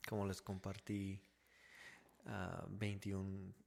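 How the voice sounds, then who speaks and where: A Texan man in his thirties, co-hosting a podcast, tells his faith testimony casually in a slow, deep, gravelly, monotone voice with a darkish tone. He is halting, restarts often, and slips into English words.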